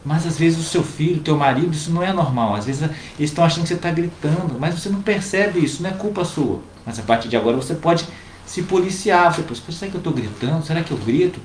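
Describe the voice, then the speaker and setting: A man, co-hosting a casual advice chat and calmly explaining to viewers. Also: a little high, fast talker. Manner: calm, explanatory, addresses viewers directly. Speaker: co-host giving family advice. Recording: roomy with faint background noise.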